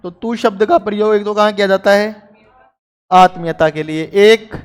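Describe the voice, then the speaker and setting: A man's voice: sits high, normal speed, smooth, big-room sound. A man teaching a grammar lesson to a class, chatty and joking with his students between explanations.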